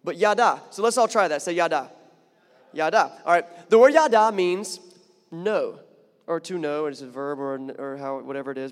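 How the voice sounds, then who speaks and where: A pastor with a slightly high voice preaches in a chatty, conversational style, repeating words often as he builds to emphatic points. A long reverb tail trails after his speech.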